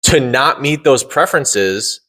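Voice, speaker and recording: A man's voice: medium pitch, expressive, unhurried, pushed and bright. A man co-hosting a podcast in a casual debate chat, blunt and emphatic, swearing for emphasis. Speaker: podcast co-host.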